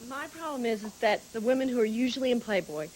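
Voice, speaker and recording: A woman's voice: on the high side, lively intonation, fast talker, darkish tone, slight background noise. A woman making an earnest point as a talk show audience member.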